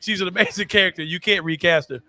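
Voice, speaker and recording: A man's voice: high voice, fairly even intonation, fast talker, bright, forceful tone. A man hosting a casual podcast, talking in loose slang, laughing often and leaning on "bro" for emphasis. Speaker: podcast host. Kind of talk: casual sports and pop culture chat.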